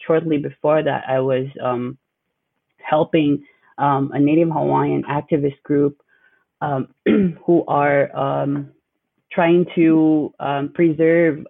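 A man's voice: fairly high pitch, creaky, no echo. A young man from the Philippines, a graduate student, answering interview questions hesitantly with many fillers. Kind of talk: casual interview. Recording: dry tinny phone-like line.

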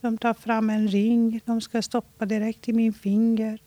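A woman from Iran telling a personal story in an interview, reflective and halting, slowing down when she talks about her feelings. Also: fairly high pitch, little pitch movement, dark tone, no room sound.

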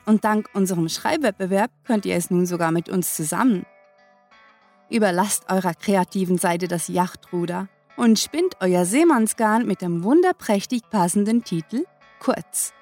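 A woman's voice: mid-range voice, normal speed, darkish tone. A woman hosting a podcast, reading a playful scripted announcement full of sailing wordplay. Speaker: podcast host. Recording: faint music behind.

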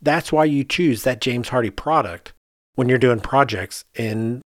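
A medium-pitched man speaks a little slowly in clean, room-free studio audio. He's an architect hosting a podcast, chatting casually but emphatically and posing rhetorical questions.

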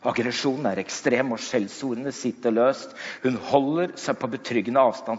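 Man preaching a dramatic story in a hall. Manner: slows down and drops low for emphasis. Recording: dull sound in a long-echo hall.

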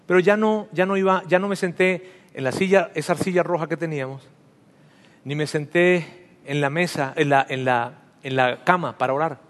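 High-voiced male preacher in a reverberant hall. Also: normal speed, a bit bright. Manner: intimate storytelling, speaks directly to the listener. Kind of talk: sermon with personal testimony. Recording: long reverb of a large hall.

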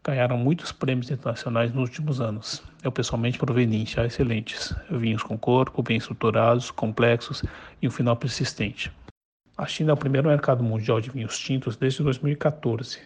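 A man's voice: mid-range voice, fairly even intonation, a little fast, breathy edge. A man from Brazil with a Brazilian Portuguese accent, speaking in an orderly, explanatory way in a prepared voice message. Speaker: guest sending a voice message.

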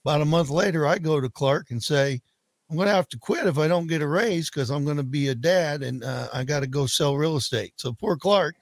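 A man's voice: a little high, a little fast. A middle-aged American man, a former radio show member, casually telling a story among old colleagues. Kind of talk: casual storytelling on a group call. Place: video call.

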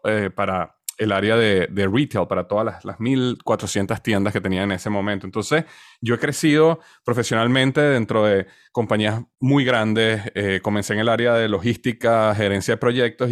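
A man's voice: fairly low pitch, dry recording, studio quality. A man in his forties with a Venezuelan accent, a podcast guest telling his story in a conversational, hesitant way, often repeating words as he searches. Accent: Venezuelan Spanish. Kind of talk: conversational interview answer.

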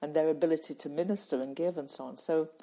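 A fast-talking older woman from the UK speaks in a low, dark voice with fairly even intonation. She is a former charity president being interviewed as a guest, reflecting through stories and laughing easily, and the sound is lo-fi and slightly muffled.

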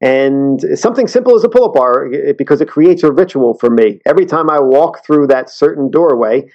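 A man talking as an interview guest, earnest and halting, often restarting his sentences. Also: on the high side, animated, a little mellow, dull audio. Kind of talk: casual interview talk.

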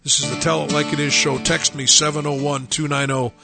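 A man's voice: fairly high pitch, little pitch movement, brisk, creaky, music in the background. A middle-aged man, preaching earnestly as host of a radio talk show and often restarting his phrases. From United States.

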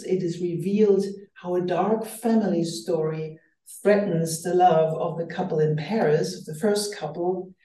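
Restarting phrases often, a woman who grew up speaking German talks as a guest author in a thoughtful, earnest radio interview. The lowish, mellow voice comes through a distant mic, reverberant and rough.

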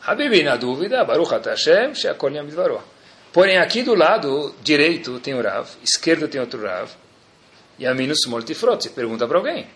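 Speaking briskly in a somewhat high voice, this Brazilian-accented man teaches Torah with plenty of energy. He keeps the audience engaged through jokes and rhetorical questions.

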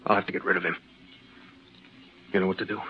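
A man's voice: level tone, quick pace, close to an everyday voice. A man voicing a cunning schemer in a 1940s radio drama, murmuring plots and making friendly small talk. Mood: conspiratorial. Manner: low conspiratorial murmur, then affable small talk. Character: cunning man faking a heart attack. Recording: lo-fi old radio recording, noisy.

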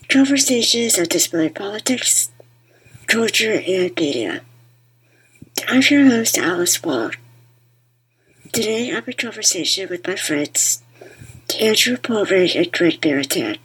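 Very breathy, husky woman podcast host. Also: medium pitch, poor audio. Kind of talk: podcast introduction and interview.

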